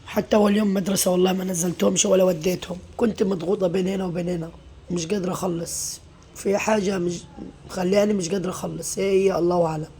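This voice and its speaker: A woman's voice: on the low side, steady tone, rapid-fire, dark tone, a little hiss or hum. A middle-aged Egyptian woman, a mother, confiding her worries in a casual vlog, weary and venting, full of pious phrases. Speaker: mother and home vlogger.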